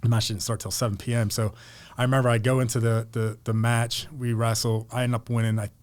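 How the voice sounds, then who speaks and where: A man's voice: mid-range voice, little pitch movement, quick pace, a little mellow, clean tone. A middle-aged man from Pennsylvania, a podcast guest telling long casual stories with lots of restarts and repeated words. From Pennsylvania, United States. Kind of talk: casual storytelling interview.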